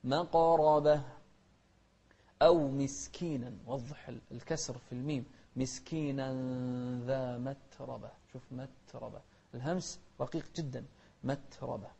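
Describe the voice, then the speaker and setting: A man teaching Quran recitation. He chants verses slowly, then drops into quick, quiet asides to correct pronunciation. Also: medium pitch, gravelly, breathy edge.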